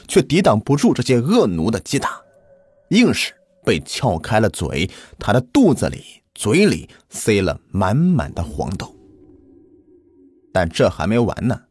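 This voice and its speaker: A man hosting and narrating a folk ghost story in a lively, colloquial storyteller's style. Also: on the low side, normal speed, husky, no room sound. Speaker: host and storyteller.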